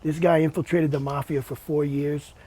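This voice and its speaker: A man hosting a podcast interview, chatting in a relaxed way, often repeating words and calling his guest "man". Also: on the high side, moderate pace. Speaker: podcast host. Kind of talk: casual interview chat.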